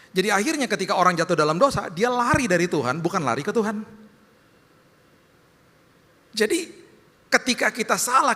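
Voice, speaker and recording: A man's voice: sits high, bright, forceful tone. A male pastor preaching a sermon in a conversational way, often acting out quoted voices. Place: large church hall. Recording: long church hall reverb.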